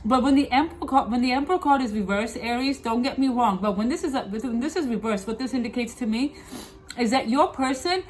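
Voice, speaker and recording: Lisping woman reading tarot, higher voice. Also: fairly quick, a little hiss or hum, rough recording. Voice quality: slight lisp from wearing clear dental aligners. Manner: emphatic and repetitive, often checking in with "okay?". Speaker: tarot reader, host. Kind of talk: tarot reading addressed to viewers.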